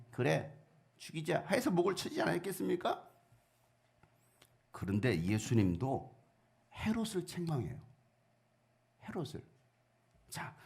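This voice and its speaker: Animated high-pitched Korean pastor preaching. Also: male voice. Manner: animated, acts out quoted voices, asks the congregation questions. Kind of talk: sermon.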